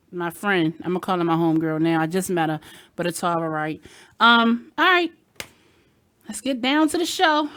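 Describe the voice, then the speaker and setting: A radio host from Baltimore, Maryland, a woman with a Baltimore accent, chats candidly and casually, tossing in sassy asides. Her voice sits on the high side and is a bit bright, recorded on a headset mic with no room sound.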